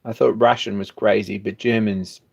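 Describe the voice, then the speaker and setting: A man's voice: fairly low pitch, level tone, normal speed, vocal fry, a little mellow, husky, dull audio. A man, hosting a hobby machine shop live stream and chatting casually, rambling with restarts and chuckling now and then.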